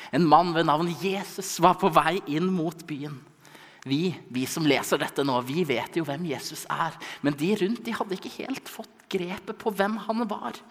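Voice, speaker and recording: A young man preaching a sermon at a church service, telling the story dramatically and swinging from loud calls to hushed asides. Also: fairly high pitch. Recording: long reverb of a church hall.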